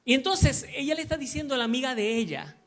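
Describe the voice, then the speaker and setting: Man, Puerto Rican accent, high-pitched, middle-aged, storytelling sermon, hushed to loud. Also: very animated, fast. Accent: Puerto Rican Spanish. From Puerto Rico. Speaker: pastor.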